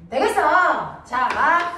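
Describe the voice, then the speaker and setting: A woman teaching a middle school science class, playfully asking quick check questions and drawing answers from her students. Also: high voice, sing-song. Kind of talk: classroom lesson with call-and-response questions. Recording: echoey room, distant mic, background noise.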